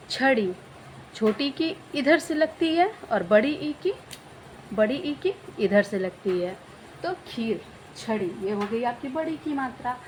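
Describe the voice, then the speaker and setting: A woman with a fairly high voice explains how Hindi vowel signs are written. She draws out each sound slowly and repeats sample words the way a teacher does for children. A faint hum runs under the recording. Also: poor audio. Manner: slow, drawn-out demonstration of sounds, repeating example words.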